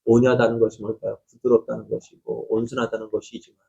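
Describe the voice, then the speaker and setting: A middle-aged man preaching a sermon as pastor, often asking the congregation questions and acting out quoted lines with a rising, animated voice. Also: medium pitch, quick pace, creaky, husky, muffled recording.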